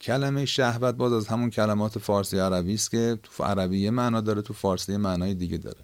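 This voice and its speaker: A man with an Iranian Persian accent gives a conversational Quran lesson explaining word meanings, rephrasing key points as he teaches. His voice is on the low side, with no room sound.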